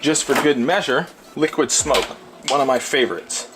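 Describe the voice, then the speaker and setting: Casting: male cooking host, middle-pitched voice, blunt and foul-mouthed casual chat, recorded amid clear kitchen noise. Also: moderate pace. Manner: crude, profane, blunt. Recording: clearly noisy, frying and stirring sounds. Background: sizzling pan, stirring, clicks.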